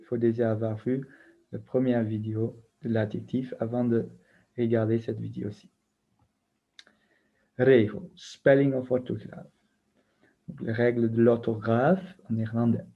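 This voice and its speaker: A man teaches a recorded grammar lesson, patiently spelling out letters and rules one at a time. His medium-pitched voice is fairly even and a little slow, with long pauses. The recording sounds muffled and lo-fi.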